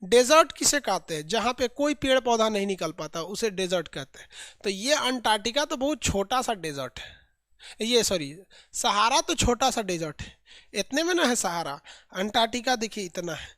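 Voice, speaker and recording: A man's voice: high voice, sing-song, moderate pace, fairly bright tone, no echo. Male tutor, live online class, repeats lists in chant, dry close sound. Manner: drills lists by repetition, colloquial and playful. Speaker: teacher.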